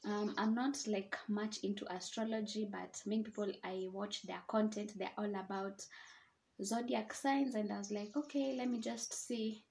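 Woman, twenties, Kenyan accent, mid-pitched voice, informal chatty podcast host, slightly hesitant personal talk. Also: fairly even intonation, moderate pace, gravelly, a little mellow. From Nairobi, Kenya. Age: 20s. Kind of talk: casual personal introduction.

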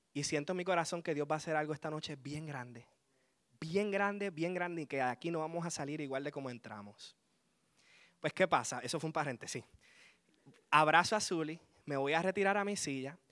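A man, giving a lively spoken testimony to a congregation and chuckling as he tells his story. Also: fairly high pitch.

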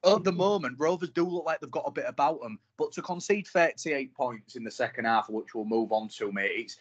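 Animated man talking rugby. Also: mid-range voice, brisk, husky, lo-fi sound. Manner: animated, frustrated fan talk. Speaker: rugby league podcast co-host. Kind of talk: casual sports chat.

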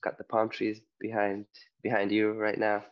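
A Canadian health coach appears as a guest by video call from his home on a Spanish island, chatting loosely in a casual interview and using plenty of fillers. His voice is lowish and monotone, at a moderate pace, and the recording has its highs cut off.

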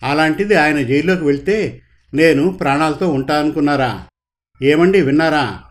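An emotional, devoted wife pleads for her husband in a storybook reading, voiced by a man. The delivery is pleading, with a slightly raised pitch. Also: normal speed, close to an everyday voice. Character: emotional devoted wife, quarrelsome but loving.

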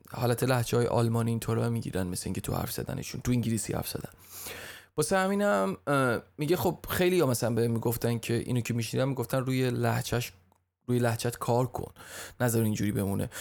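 A man's voice: mid-range voice, creaky, darkish tone. A man hosting a podcast, retelling a story in a chatty, casual way, often tripping over words and restarting, with joking asides. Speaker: podcast host.

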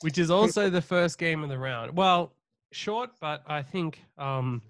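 Higher-voiced sweary man on a podcast. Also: lively intonation, measured pace, fairly bright tone, dry recording, studio quality. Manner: sweary, teasing. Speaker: podcast host. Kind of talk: casual sports betting banter.

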